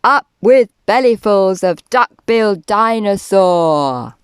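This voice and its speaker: Storybook role: war-hungry Tyrannosaurus voiced by a woman, boastful, loud chanting at a slow, deliberate pace. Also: medium pitch, expressive, smooth, dry recording, studio quality. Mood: bloodthirsty glee. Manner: shouting, chanting. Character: fierce, war-loving Tyrannosaurus, bellicose and boastful. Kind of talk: storybook character voice.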